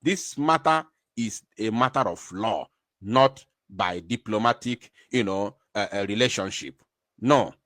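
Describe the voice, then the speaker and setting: A man hosting a live-streamed news commentary, emphatic and excitable. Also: measured pace, no echo, studio quality. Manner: emphatic, excitable, animated swings in pitch and loudness. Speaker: online news show host.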